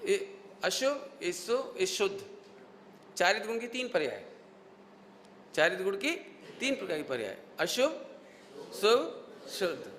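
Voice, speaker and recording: A man with a high, bright, ringing voice preaches to a seated crowd and keeps firing questions back at his listeners. He repeats key phrases on purpose so they stick. His voice echoes through a large hall over a faint hiss. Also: very animated, slow, pauses often. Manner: drills the audience with repeated rhetorical questions. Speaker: Jain scholar giving a lecture. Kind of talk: sermon with questions to the audience.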